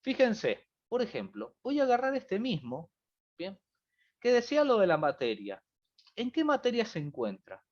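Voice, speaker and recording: A man teaching a programming class over a video call, his pitch rising and falling a lot as he talks. The audio is muffled and lo-fi. He explains patiently and keeps checking that students follow. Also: huge pitch swings, moderate pace, darkish tone. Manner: explanatory, repeats "fíjense" and "¿bien?". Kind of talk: online review class.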